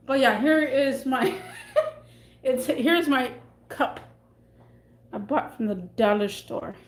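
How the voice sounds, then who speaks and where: Woman rambling on her home stream, kinda high voice, roomy echo. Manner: rambling, chatty, trails off and restarts. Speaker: live streamer. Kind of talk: casual live-stream chat. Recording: echoey room with faint background noise.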